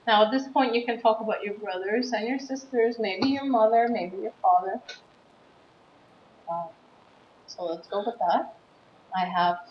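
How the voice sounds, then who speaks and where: A woman from the USA in her thirties teaches a classroom writing lesson, explaining slowly and patiently in a mid-range voice and stressing key words. The recording is roomy, dull, and slightly muffled, with faint background noise.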